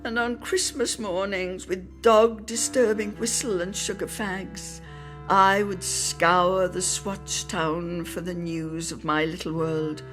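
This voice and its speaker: In a radio players' production, a woman reads a literary Christmas reminiscence aloud theatrically and expressively, lingering on words for emphasis. Her voice sits on the low side and moves slowly over soft background music.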